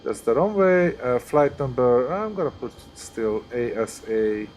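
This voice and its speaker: With slight background noise behind him, this Hungarian-accented man speaks at a measured pace in a mid-range, animated voice with a darkish tone. He's a flight sim streamer live on air, chatting casually and thinking aloud through each step.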